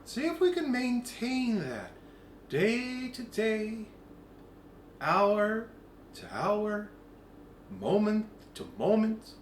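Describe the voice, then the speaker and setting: Animated man giving an informal spiritual talk. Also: sits high, extremely slow, long pauses. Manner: animated, acts out quoted voices. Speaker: spiritual group leader. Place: meeting room. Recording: echoey room with faint background hum.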